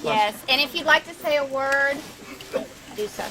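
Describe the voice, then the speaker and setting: A woman's voice: sits high, moderate pace, low-quality recording. A woman acting as master of ceremonies, announcing a candle-lighting and inviting people forward. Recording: loud crowd noise.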